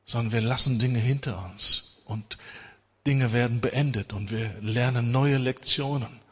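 A middle-aged man preaches with emphasis, rising to loud urging and dropping to hushed intensity. His voice is bright and cutting yet husky. The sound carries a long reverb, as in a large hall. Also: mid-range voice, unhurried. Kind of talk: sermon.

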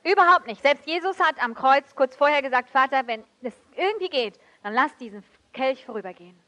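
A woman preaching a sermon with emotive swings between loud outbursts and soft, hushed passages. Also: sits high, animated, brisk. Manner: switches briefly into English.

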